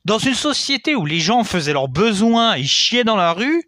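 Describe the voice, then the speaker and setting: Lively young man explaining history. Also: sits high, normal speed, dry recording, clean studio sound. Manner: chatty, frequent "hein" and asides. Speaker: history video host. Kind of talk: casual educational explainer.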